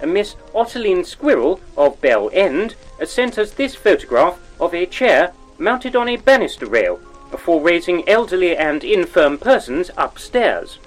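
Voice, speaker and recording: A man's voice: high voice, very animated, a little slow, soft background music, exaggerated voice, low-quality recording. A man playing a pompous, lecherous male radio presenter from the 1940s, in a plummy old-time radio style.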